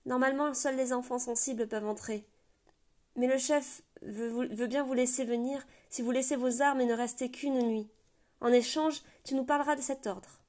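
A woman voicing a wary young girl who is an oracle, in a high, earnest child voice, in a storybook reading. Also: fairly even intonation, moderate pace, a little mellow, close to an everyday voice.

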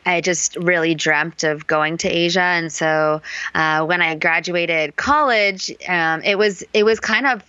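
A woman's voice: lowish voice, unhurried, bright, forceful tone, clear, resonant tone, no room sound. A woman in her twenties from California, talking casually and reflectively as an interview guest, with many ums. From California, USA. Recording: dull lo-fi sound, dry.

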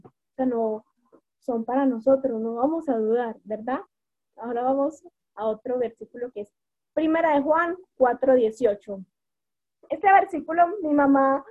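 A woman's voice: high-pitched, husky, no echo. A woman giving an informal devotional talk with personal stories, rambling and correcting herself as she goes. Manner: rambling, with many fillers and self-corrections. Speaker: lay preacher. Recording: tinny phone-like recording.

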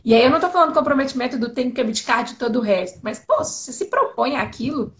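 A Brazilian woman hosting a casual conversation in an enthusiastic, expressive and informal way. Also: high voice, quick pace. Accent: Brazilian Portuguese. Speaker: host. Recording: faint background noise.

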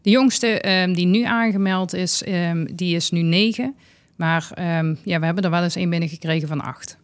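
A woman, a youth work coordinator, answering interview questions off the cuff with small pauses. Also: lowish voice, no room sound.

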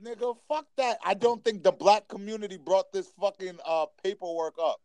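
A man co-hosting a casual podcast, firing off quick, profane interjections and questions. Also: high voice, darkish tone, dry recording. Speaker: podcast co-host. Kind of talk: casual chat.

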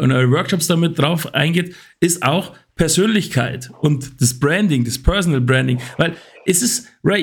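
A man's voice: on the high side, gravelly, husky. A man hosting a podcast, rambling through examples in casual chat. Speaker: podcast host.

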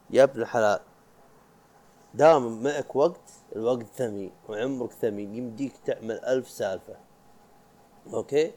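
A man's voice: medium pitch, mellow. A young man from Arabia, hosting a casual solo podcast in a chatty, rambling way, often breaking off mid-thought and laughing. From Saudi Arabia. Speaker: podcast host.

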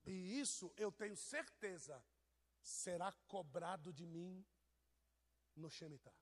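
Man, pastor, high voice, teasing, chatty sermon. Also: slow pace. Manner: teasing, jokey, addresses people in the pews. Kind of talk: informal sermon to a congregation.

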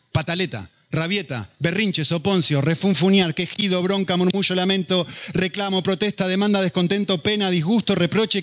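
An Argentine man in his thirties preaching a sermon to his church, animated and full of rhetorical questions. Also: high-pitched. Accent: Argentine Spanish. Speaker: pastor. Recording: dull lo-fi recording.

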